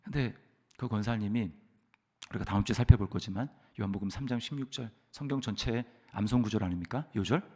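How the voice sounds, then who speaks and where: A man preaching a sermon as pastor, swinging between loud exhortation and hushed storytelling. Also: on the low side, fast, husky. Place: church sanctuary. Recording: long church hall reverb.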